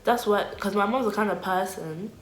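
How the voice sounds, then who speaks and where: A woman's voice: mid-range voice, normal speed. Chatty young woman in an echoey room. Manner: chatty, animated, heavy use of 'like'. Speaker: vlogger. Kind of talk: storytime vlog.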